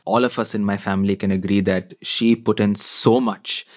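A man's voice: fairly low pitch, steady tone, moderate pace, darkish tone. A young man from India, a guest on a podcast, talking earnestly and thoughtfully about his experiences. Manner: earnest, thoughtful, laughs easily. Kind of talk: conversational interview.

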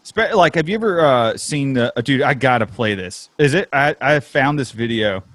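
A man's voice: medium pitch, lively intonation, moderate pace, a bit bright, no echo. Dry-sounding man in loose casual chat. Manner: loose, swearing, laughing often. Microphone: remote call microphone.

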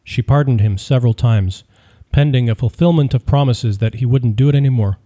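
Very dark-voiced male audiobook narrator. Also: mid-range voice, a little fast. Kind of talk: scripted narration.

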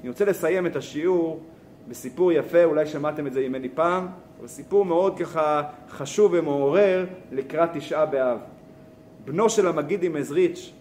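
A man's voice: on the high side, a little hiss or hum. A man teaching a Torah lesson, asking rhetorical questions and telling a story. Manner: animated, asks rhetorical questions.

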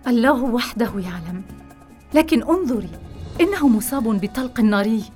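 Determined young nurse, insistent and urgent, voiced by an actress; a bit high. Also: female voice, animated, normal speed, a little mellow, soft background music, natural voice. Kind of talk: audio drama acting.

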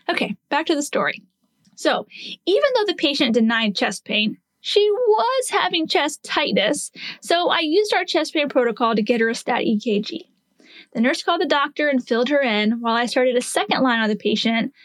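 A woman's voice: sits high, lively intonation, fairly quick, dry recording. A woman in her forties, a nurse hosting a podcast, telling a patient story and teaching in an earnest, explanatory way with rhetorical questions.

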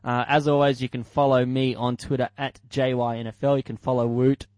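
A man's voice: medium pitch, level tone, fairly quick, darkish tone, dry recording. An Australian man co-hosting a casual sports podcast, losing his voice and rambling with fillers as he talks betting lines and wraps up the show. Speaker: podcast co-host.

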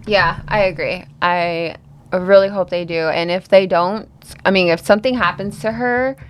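A woman's voice: lowish voice, normal speed, clean tone. A woman co-hosting a conversation in a casual, conversational style. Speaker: podcast co-host.

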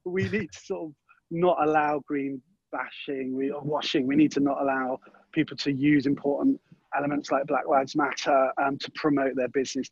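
A man's voice: fairly high pitch, breathy edge, dry recording, lo-fi sound. A man being interviewed, talking in a thoughtful way, often restarting and weighing both sides. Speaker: guest. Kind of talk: interview conversation.

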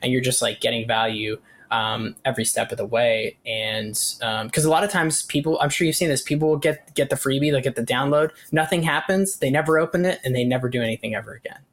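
A man's voice: mid-range voice, fast, hardly any pauses, fairly bright tone. A man giving casual, explanatory advice as an interview guest, talking conversationally and acting out little example lines. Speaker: guest email marketing expert.

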